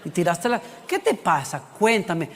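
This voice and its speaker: A preacher voicing a gently questioning God. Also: male voice, high voice, huge pitch swings, a little slow, a little hiss or hum, exaggerated voice. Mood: coaxing. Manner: chatty, coaxing questions. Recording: long hall reverb.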